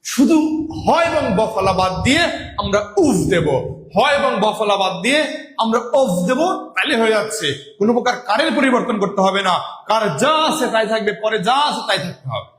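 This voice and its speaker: High-voiced man teaching a live class. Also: expressive, a little fast, a bit bright, roomy sound. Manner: repetitive, asks and answers own questions; addresses viewers as brothers and sisters. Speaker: online exam-prep teacher. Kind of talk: live online grammar class.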